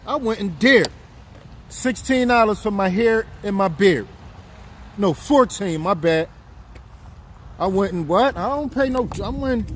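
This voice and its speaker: A man of fifty doing a casual live-stream chat outdoors, talking straight to his viewers. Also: high-pitched. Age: 50s. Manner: chatty, talks straight to viewers. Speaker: livestreamer. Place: outdoors on a city street. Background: faint street and traffic noise.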